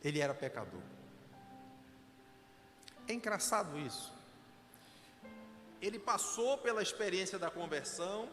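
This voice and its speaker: A man's voice: high voice, fairly bright tone, big-room sound. A man, a pastor preaching a sermon with an earnest, emotional personal testimony. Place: church sanctuary.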